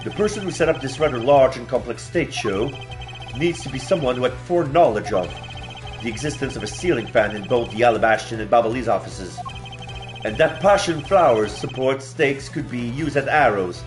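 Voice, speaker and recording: A man's voice: medium pitch, expressive, normal speed, over music. A man playing a video game, reading its dialogue aloud and commenting as he goes.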